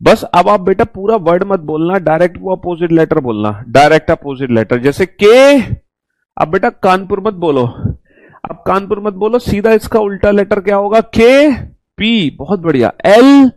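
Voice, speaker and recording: Guy teacher running a class, kinda high voice, coaxing the kids, drills letters one by one, dry sound. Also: normal speed, dry recording. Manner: drills students loudly, letter by letter; addresses students as beta, coaxing. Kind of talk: recorded online class lesson.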